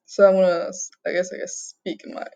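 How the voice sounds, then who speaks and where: Distressed and agitated, this Singaporean vlogger in her young adult years, who grew up mostly abroad, gives an off-the-cuff personal account full of swearing, repetition and hesitation, often ending phrases with "okay?". Her mid-range voice is gravelly and warm, her delivery flat. The home recording sounds dull and lo-fi.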